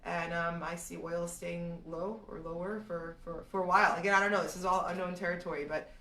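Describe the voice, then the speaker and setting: Speaking fairly quickly with a fairly low pitch, even intonation and a sharp tone, a woman from Serbia takes viewer questions about the market on a live stream. She thinks out loud with frequent restarts, and she sits far from the mic in an echoey room.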